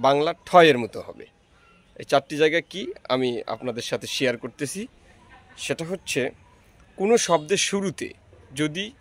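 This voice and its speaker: A man teaching English pronunciation, explaining rules slowly and repeating each example word. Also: on the high side. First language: Bengali. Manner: slow, repetitive, explaining step by step. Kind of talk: pronunciation lesson.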